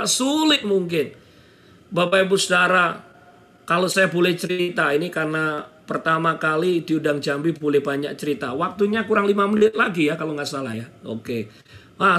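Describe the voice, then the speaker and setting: A man's voice: high-pitched, fairly bright tone. A middle-aged man from Indonesia preaching a sermon as pastor, telling a personal testimony with emotion and addressing the congregation often. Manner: addresses congregation repeatedly, emotional storytelling, acts out dialogue.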